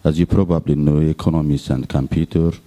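Man, extremely deep voice, very dark tone, short plain sentences, workshop self-introduction. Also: steady tone, a little fast. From Azerbaijan. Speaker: policy researcher, economist.

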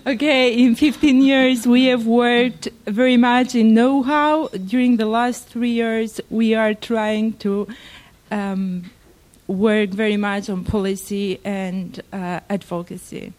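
A woman introducing herself at a workshop, hesitant and pausing. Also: fairly high pitch, fairly even intonation, darkish tone. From Albania. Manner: hesitant, with pauses. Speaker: institute representative.

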